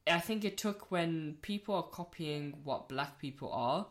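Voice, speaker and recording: A woman's voice: low voice, a little slow. A young woman, originally from Rwanda, chatting candidly on a podcast, swearing freely and repeating phrases for emphasis. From born in Rwanda, raised in South London. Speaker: podcast guest, host's friend. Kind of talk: casual podcast chat.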